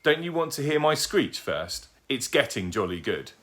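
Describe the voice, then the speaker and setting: A small baby boy owl from a storybook, eager and a little afraid, talking earnestly with a lively, bouncing voice, read aloud by a man. He sounds slightly whiny. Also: medium pitch, normal speed, pitched above the performer's own voice.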